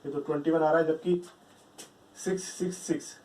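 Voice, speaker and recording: A man's voice: a little high, fairly even intonation, fairly quick, warm tone. A man teaching math at a board, explaining step by step and repeating key phrases. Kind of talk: whiteboard lecture. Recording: echoey room, voice from a distance.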